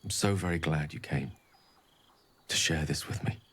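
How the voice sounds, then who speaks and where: A very deep, slightly rough male voice at normal speed delivers an exaggerated performance of a learned, eloquent wizard in a video game. The phrasing is tender, formal and articulate. Soft music sits behind the game audio.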